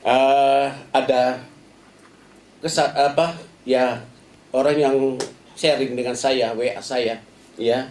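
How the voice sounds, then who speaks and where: A man's voice: medium pitch, fairly even intonation, slow pace, long pauses, a little mellow, reverberant, slight background noise. A male pastor preaching a Sunday sermon in a conversational way, often addressing the congregation directly. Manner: conversational preaching, many filler "ya" and "saudara". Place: church service.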